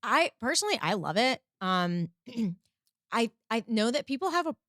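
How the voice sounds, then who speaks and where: A woman's voice: fairly high pitch, sing-song, normal speed, a bit bright, no room sound, studio quality. A woman from Texas, a singer-songwriter, chatting as a guest on a podcast, talkative and laughing easily as she wanders off on tangents. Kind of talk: casual interview chat.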